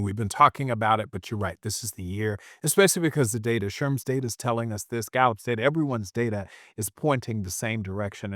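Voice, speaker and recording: A man hosting an interview, asking measured questions and affirming his guest. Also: mid-range voice, fairly bright tone, no echo, studio quality. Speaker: podcast host. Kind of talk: conversational interview.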